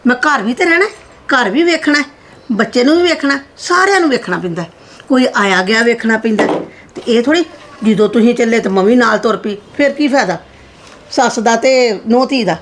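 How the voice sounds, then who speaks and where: A woman's voice: fairly high pitch, brisk. A middle-aged woman playing a reassuring mother-in-law in a scripted family skit. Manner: warm, reassuring, calls her "son".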